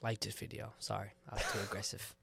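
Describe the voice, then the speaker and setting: A man's voice: on the low side, completely flat delivery, fast talker, vocal fry, pushed and bright, husky, dry recording, studio quality. A young man co-hosting a podcast in easygoing, slangy casual chat full of fillers. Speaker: podcast co-host.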